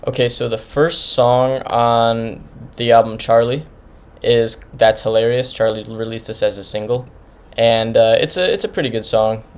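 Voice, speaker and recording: A man's voice: medium pitch, normal speed, few pauses, darkish tone, clear, resonant tone. A man giving an informal, rambling album review, talking casually with many restarts. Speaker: music reviewer.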